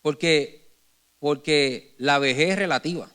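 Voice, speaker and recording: A man in his forties preaches from the pulpit with a high-pitched voice. He tells stories with animation and jokes with his congregation. He often breaks off and restarts his phrases as he talks. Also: measured pace, smooth. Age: 40s. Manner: animated, joking storyteller addressing the congregation; frequent self-corrections and restarts. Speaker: pastor. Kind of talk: sermon. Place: church sanctuary before a congregation.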